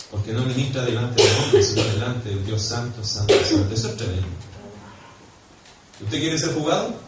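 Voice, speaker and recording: A man with a Chilean accent preaching a sermon as pastor, animated, swinging from quiet to loud and emphatic, and putting questions to the congregation. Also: medium pitch, background noise. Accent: Chilean Spanish. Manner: questions and prompts the congregation directly. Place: church hall. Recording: echoey church hall, mic far off.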